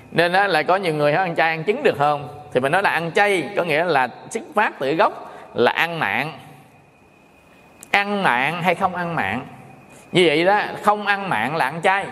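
A man's voice: a little high, fairly bright tone, long reverb tail. A man giving a casual dharma talk as a Buddhist monk, chatty, repeating words and checking with listeners.

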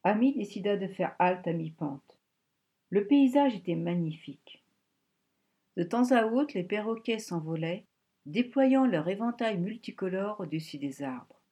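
A woman narrating an audiobook novel in a measured, even manner. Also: medium pitch, lo-fi sound. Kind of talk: audiobook reading.

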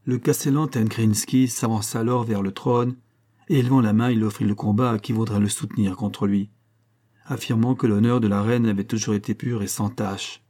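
A man reading a historical audiobook in a measured, dramatic way. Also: on the low side, warm tone. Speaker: audiobook narrator.

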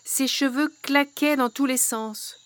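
A woman reading a children's fairy tale aloud in a lively, expressive way. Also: sits high, slow. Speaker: storyteller. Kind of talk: storybook reading.

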